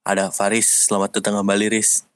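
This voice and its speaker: A young man with a Jakarta Indonesian accent hosting a casual podcast in hushed late-night talk. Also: fairly low pitch, completely flat delivery, quick pace, no room sound. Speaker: podcast host.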